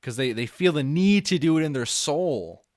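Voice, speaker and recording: A man streaming live, reacting to a video with excitable, swearing, joking commentary. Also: fairly high pitch, moderate pace, no room sound, clean studio sound. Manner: excitable, swears, laughs and jokes a lot.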